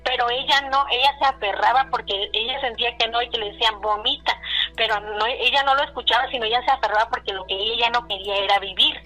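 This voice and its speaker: A woman's voice: a little high, fairly even intonation, quick pace, sharp tone, faint music behind, poor audio. A woman recounting a personal family story in casual speech, rambling, with many restarts and fillers, retelling what people said. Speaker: caller telling a personal story.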